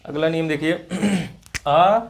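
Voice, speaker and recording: A man's voice: fairly high pitch, takes it slowly. A man teaching Hindi grammar in class, asking questions and checking understanding with short "right?" prompts after each point. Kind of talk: classroom lesson with call-and-response.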